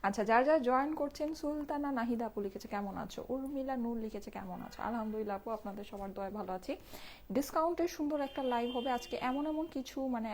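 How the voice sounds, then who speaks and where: Soft-spoken Bangladeshi woman selling clothes live. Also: a little high, slight background noise. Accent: Bangladeshi Bengali. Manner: chatty, reads viewer comments aloud, keeps talking softly. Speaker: online clothing seller. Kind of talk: late-night live selling stream. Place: home at night, indoors.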